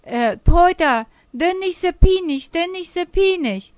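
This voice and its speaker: A woman's voice: animated, unhurried, darkish tone, no echo. A woman voicing a small girl who cries out for help in a spoken storybook tale. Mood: pleading cries. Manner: high, crying out for help. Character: little girl, frightened and pleading.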